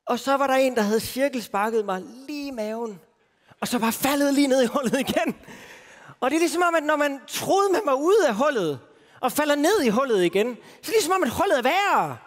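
This Danish preacher, a man with a high voice and lively intonation, recounts his own faith story with informal, self-mocking humor and plenty of fillers. The festival-stage setting wraps his speech in long hall reverb.

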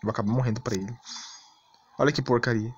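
Heard through dull audio, a Brazilian gaming channel host talks fast at a medium, steady pitch while giving casual gameplay tutorial commentary. His delivery is blunt and exasperated, and he keeps checking in with questions to be sure the listener follows. Clicking and background noise are present.

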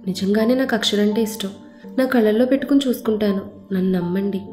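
A woman's voice: medium pitch, fast, dark tone, roomy sound, faint music behind, lightly acted. A woman storyteller voicing an eager, earnest young man pleading to marry.

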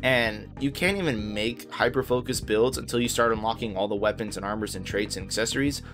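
A man's voice: on the low side, brisk, music in the background. A man narrating a casual video game guide as host, informal, easygoing and reassuring in how he talks.

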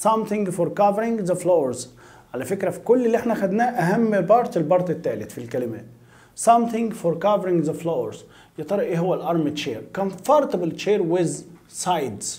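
An Egyptian man teaches English words, repeating each one again and again before glossing it in Arabic. His voice is mellow and warm, set a touch high for a man. He slows right down to spell out each definition. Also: very animated. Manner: drills each English word several times, then glosses it in Arabic; slow, drawn-out pronunciation of definitions. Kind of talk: vocabulary lesson, repeating words for pupils to echo.

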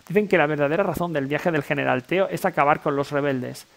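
A hostile imperial guard from a video game, read out by a man, with a Castilian Spanish accent. He is menacing and gloats in mock-villain fashion, in a fairly high, gravelly voice. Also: brisk. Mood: mock menace. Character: hostile imperial guard vowing to crush rebel traitors.

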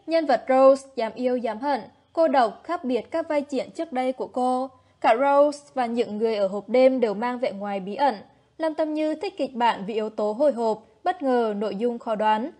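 A woman with a somewhat high voice narrates entertainment gossip news. Her delivery is steady and even, read from a script.

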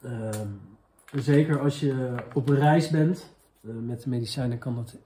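A man's voice: medium pitch, a little slow, noisy background. A man hosting a comedic question-and-answer talk, casual and rambling with many fillers, in a mock-spiritual tone. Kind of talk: casual deadpan parody monologue.

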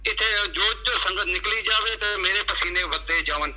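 A middle-aged devotee tells a congregation a devotional story from his own life, acting out what he and others said as he shares a satsang experience. His voice is high, pushed and bright at a moderate pace, and the recording is rough.

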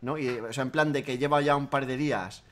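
A man's voice: medium pitch, fairly even intonation, a little fast, a bit bright. A man from Spain hosting a casual comedic chat, rambling and joking with bursts of laughter. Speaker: podcast host.

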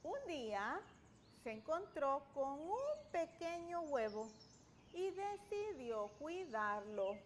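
Middle-aged woman, high pitch, animated intonation, expressive children's storytelling. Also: takes it slowly, a little hiss or hum. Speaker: guest children's author and teacher.

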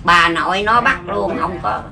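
A woman's voice: lowish voice, moderate pace, vocal fry, a crowd in the background. A woman in her seventies with a Southern Vietnamese accent, giving short, plain answers in a casual interview at her makeshift home. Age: 70s. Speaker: lottery ticket seller.

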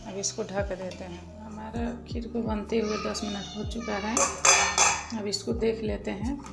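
A woman hosting a cooking channel, talking viewers calmly through a recipe step by step in a voice-over. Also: mid-range voice, unhurried, vocal fry. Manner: calm step-by-step explaining, addresses viewers as friends. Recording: echoey room with music behind.

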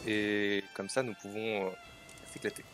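A man playing an allied ruler in a game role-play, speaking in quick, polite courtly address. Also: fairly low pitch, flat delivery, fairly bright tone, slight background noise.

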